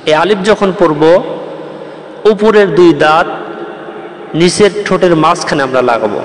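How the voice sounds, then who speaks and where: A man's voice: a little high, measured pace, reverberant, long reverb tail, slight background noise. A man from Bangladesh teaching the Arabic letters, explaining each step patiently and chanting the rhymes in a sing-song voice. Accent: Bangladeshi Bengali. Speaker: Quran teacher.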